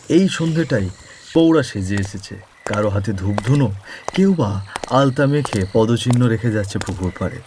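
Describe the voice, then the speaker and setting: A man's voice: mid-range voice, a little mellow, slight background noise. A man narrating a village folk story for a cartoon in a descriptive, atmospheric storytelling manner.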